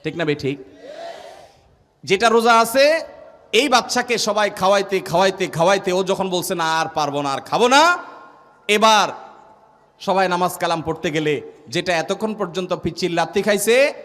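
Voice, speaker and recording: High-voiced male preacher in a reverberant hall. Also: normal speed, pauses often, fairly bright tone. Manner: rhetorical refrains, repeated lists, acts out family voices. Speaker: Islamic preacher. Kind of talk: waz sermon with storytelling.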